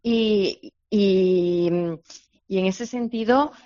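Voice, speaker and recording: Halting woman novelist on a dull line. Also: medium pitch, warm tone. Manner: halting, many restarts and fillers. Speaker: novelist guest. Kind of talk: radio interview answers.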